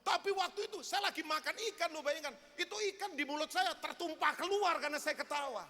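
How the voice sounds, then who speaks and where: A man's voice: extremely high pitch, quick pace, bright, forceful tone. A male pastor preaching a sermon, telling stories in a chatty way and asking the congregation questions. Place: church. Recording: echoey church hall.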